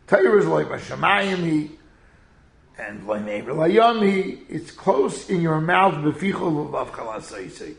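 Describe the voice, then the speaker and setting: A man preaches informally in a very gravelly, creaky voice with a Yiddish-inflected American accent. His delivery swings up and down like an animated storyteller's, with Hebrew and Yiddish words mixed in. The room around him is echoey. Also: on the high side, measured pace. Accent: Yiddish-inflected American English. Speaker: rabbi giving a Torah talk.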